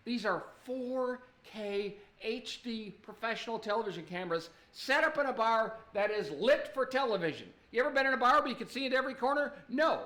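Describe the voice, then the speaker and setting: A male comic tears through a profane, sarcastic rant. His voice sits high and bright. The studio around him sounds roomy and echoey. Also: lively intonation, fairly quick, few pauses. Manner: profane, sardonic storytelling. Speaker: stand-up comedian. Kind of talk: stand-up comedy rant. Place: recording studio.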